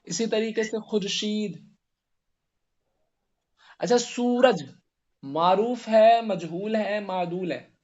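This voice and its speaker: A male grammar teacher giving a classroom lesson, spelling out letters slowly and putting questions to his students. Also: high voice, a little mellow, muffled recording.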